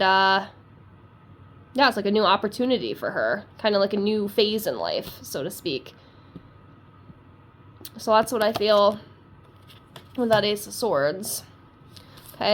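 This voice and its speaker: A woman reads tarot while congested from a cold, chatting casually, talkative and rambling, and often self-deprecating. Her voice is mid-range and a bit bright, with slight background noise in the recording.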